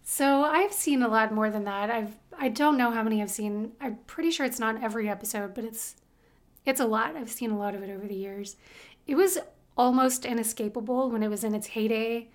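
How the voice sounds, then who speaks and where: An American woman in her thirties co-hosts a casual podcast, chatting playfully in a higher-pitched voice at a slightly quick pace. She laughs often and sometimes breaks into song.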